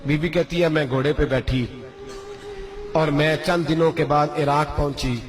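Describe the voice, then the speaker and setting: A man's voice: on the high side, fairly even intonation. A male preacher telling a moral story in a sermon, with dramatic, emotional delivery.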